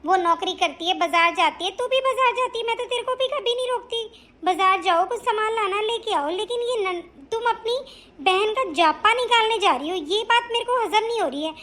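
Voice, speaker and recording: A woman voicing a strict traditional mother-in-law in an animated family cartoon, lecturing and scolding. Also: extremely high pitch, normal speed.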